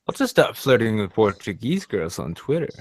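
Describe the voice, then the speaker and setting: American dude on a voice chat, teasing, swears a lot, slight noise behind. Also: male voice, on the low side, big pitch swings, normal speed. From United States. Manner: blunt, teasing and profane. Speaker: guest. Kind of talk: casual online group chat.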